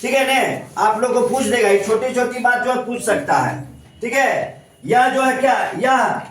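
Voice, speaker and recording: A man's voice: very high-pitched, a little slow, a bit bright. A male teacher giving a classroom grammar lesson, asking questions and checking again and again that the students follow. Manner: repetitive question-and-answer teaching, constant checks for understanding. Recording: echoey classroom, mic far off.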